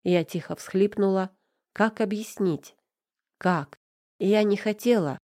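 A woman's voice: medium pitch, takes it slowly, a little mellow, dry recording, clean studio sound. A woman narrating a first-person audiobook with emotional, tearful delivery.

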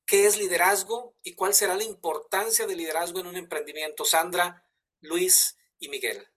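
A man's voice: sits high, moderate pace, fairly bright tone. A man with a Mexican accent hosting a live online talk show, enthusiastic, with many fillers and restarts. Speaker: host.

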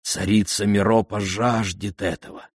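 A man voicing an old, weather-beaten royal messenger who speaks slowly and deferentially. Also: level tone, slightly rough, no room sound, studio quality. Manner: deferential, slow and low.

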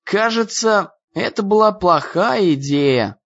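A man's voice: high-pitched, expressive, slow pace, fairly bright tone, highs cut off, pitched above the performer's own voice, heavily acted. A man voicing an anxious teenage boy who talks nervously and stammers in an audiobook. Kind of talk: audiobook character voice.

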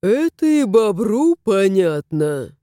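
A smug, lazy house cat from a storybook, as a woman puts him on, drawling each word slowly. The mocking tone sits a little higher than her own voice. The sound is dry and close. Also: sing-song, dark tone, dry recording.

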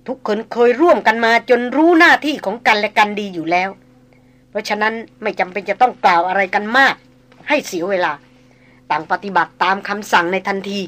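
A woman reading an adventure novel aloud with steady dramatic narration. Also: medium pitch.

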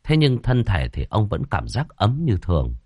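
A man reading a ghost story as scripted narration, slow and dramatic. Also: fairly low pitch, wildly swooping pitch, dark tone, breathy edge, dry recording, clean studio sound.

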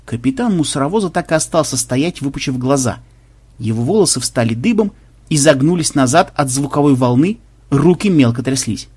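A man narrating a comic science fiction audiobook in a lively storytelling manner. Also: mid-range voice, fairly quick, husky. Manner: lively storytelling, acting out every character.

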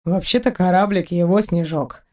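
A woman doing a gruff boozy space pirate man. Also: lowish voice, normal speed, darkish tone, voice pushed down, lightly acted. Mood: unbothered. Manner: grumbling, brash.

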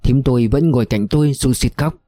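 A male narrator reads a war novel in a somber, steady voice. His tone is dark and mellow, recorded dry and close to the mic. Faint music plays underneath. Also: medium pitch, fairly quick, no echo. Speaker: audiobook narrator.

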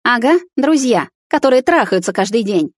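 A woman's voice: lively intonation, normal speed, no room sound, clean studio sound. A woman voicing a furious, jealous young woman who screams and sneers in an audiobook. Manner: shrill, screaming, scornful. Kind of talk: audiobook character voice.

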